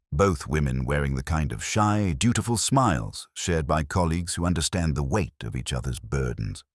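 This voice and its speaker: In a studio-quality recording with no echo, a man with an extremely low voice narrates a scripted detective story in the first person. His delivery is measured, reflective and literary.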